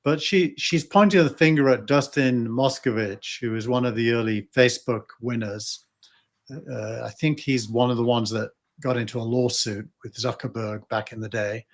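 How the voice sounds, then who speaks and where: An older man in a loose, casual debate, pitched in the middle for a man. He hesitates often, filling pauses and restarting his sentences as he thinks aloud. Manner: hesitant, many fillers and restarts. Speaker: podcast co-host.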